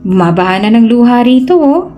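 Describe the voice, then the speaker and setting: A woman voicing a caring young man who comforts a crying friend, teasing her gently in a storybook tale. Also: fairly high pitch, animated, a little fast, soft background music, pitched above the performer's own voice, close to an everyday voice.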